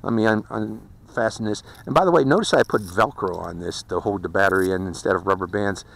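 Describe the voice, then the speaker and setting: A man's voice: fairly low pitch, a little fast, vocal fry, a bit bright. Chatty man giving a folksy hobby review. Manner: chatty, folksy, with fillers and laughs. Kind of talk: casual product review and flight commentary. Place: outdoors during flight.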